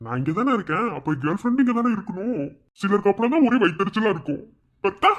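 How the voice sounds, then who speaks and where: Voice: mid-range voice, animated, fast, close to an everyday voice. A woman voicing a playful, teasing young husband in a cartoon, boastful and cheeky. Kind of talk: animated cartoon voice acting. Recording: slightly muffled lo-fi audio.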